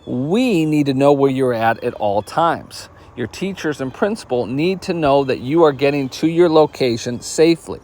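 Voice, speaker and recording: A man's voice: medium pitch, lively intonation, moderate pace, hardly any pauses, a little mellow. Firm man giving school hallway rules. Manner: firm, directive, addresses students plainly. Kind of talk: instructional school video narration.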